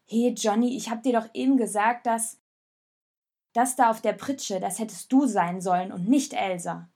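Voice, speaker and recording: A woman voicing an anxious, defensive young boy in a storybook reading, raised and agitated, with a breathy voice. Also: on the high side, moderate pace, warm tone. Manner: agitated, protesting.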